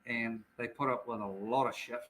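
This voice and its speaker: A man with a New Zealand accent chatting informally as a guest, in a halting, repetitive way. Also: medium pitch, fairly even intonation, noisy background. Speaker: speedway racer, show guest. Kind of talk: casual chat.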